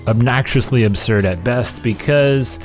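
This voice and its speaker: A man's voice: medium pitch, a little slow, faint music behind. A man hosting a podcast with casual conversational commentary, rambling and interrupting himself as he emphasizes his points. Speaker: podcast host.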